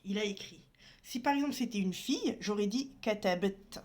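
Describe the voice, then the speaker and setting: A woman's voice: medium pitch, lively intonation, moderate pace, a little mellow. A woman teaching a beginners' language lesson, patiently spelling out each letter and sound as she writes. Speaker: Arabic teacher. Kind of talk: slow step-by-step lesson.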